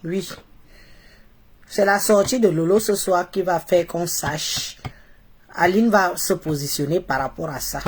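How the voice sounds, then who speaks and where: A woman from Cameroon, congested with a cold, speaks to live-stream followers in a lowish, breathy voice, a little slow and with frequent pauses. With a Cameroonian accent, she mocks and opines, repeating phrases to drive them home.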